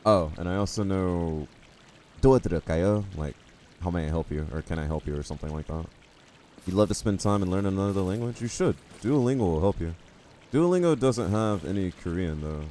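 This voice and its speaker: Warm and low, this man's voice moves at a quick pace as he plays a game and talks with his viewers. The American streamer rambles, makes jokes at his own expense, and reads chat out loud, with a little hiss or hum in the audio.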